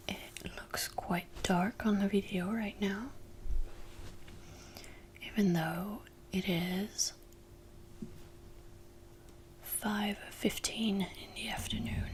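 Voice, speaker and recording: This French woman in her twenties makes ASMR, whispering rambling, self-deprecating talk into a desktop USB microphone in a lamp-lit room at home. Her mid-range voice holds a steady tone, drawing out words and pausing often, against slight background noise.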